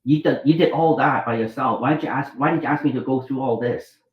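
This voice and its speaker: A medium-pitched, fast voice comes from a middle-aged Vietnamese man, a doctor and author, narrating his life story as an interview guest. He rambles, restarts many times, and performs quoted dialogue, in an echoey room with dull audio.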